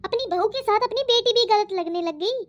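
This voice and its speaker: A spirited young cartoon daughter, voiced by a woman, arguing back in a very high voice. The sound is muffled and lo-fi. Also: moderate pace. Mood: protesting. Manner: protesting, argumentative. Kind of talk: cartoon voice acting. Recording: dull lo-fi audio.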